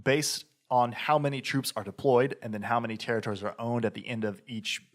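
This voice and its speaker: A man co-hosting a podcast reviews a game in casual chat, speaking briskly in a medium-pitched, steady voice. His talk rambles, with plenty of fillers and restarts.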